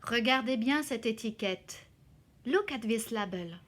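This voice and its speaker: A woman teacher explaining a reading exercise to children slowly and carefully, sounding out syllables. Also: on the high side, animated. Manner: slow, careful, spelling out syllables. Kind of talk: slow classroom explanation in two languages.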